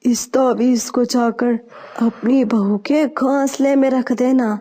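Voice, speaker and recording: A woman voicing an old female witch bird with a deep, mannish voice, talking slowly in drawn-out incantations. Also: fairly even intonation, warm tone, lightly acted. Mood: scheming.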